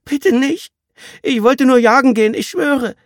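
A man's voice: extremely high pitch, a little slow, dry recording, clean studio sound, pitched above the performer's own voice. A man reading an audiobook, voicing a terrified red-haired boy who begs in panic. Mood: pleading. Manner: pleading, panicked.

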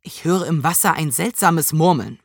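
A woman's voice: sits low, moderate pace, dry recording, clean studio sound. A woman voicing an anxious, boastful young boy in a storybook reading, worried and insistent.

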